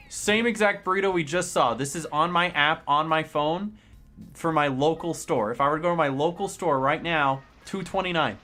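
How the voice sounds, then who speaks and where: Streaming live, a young man chats casually with his viewers and rambles through exasperated complaints. His pushed, bright voice breaks into sudden high outbursts.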